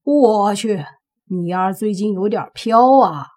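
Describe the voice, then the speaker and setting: A woman's voice: fairly low pitch, animated, takes it slowly, dark tone, breathy edge, heavily acted. Woman doing a bantering male zombie sidekick. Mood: indignant. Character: male zombie companion, joking and self-pitying.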